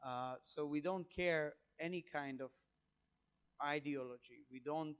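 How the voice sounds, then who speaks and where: A man with a Hungarian accent, his voice a little higher than most men's, answers questions at a conference panel. He speaks English as a second language, pausing often with fillers and rebuilding his sentences as he goes. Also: a bit bright, smooth. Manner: hesitant, many fillers, halting non-native phrasing. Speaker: panel guest, government minister.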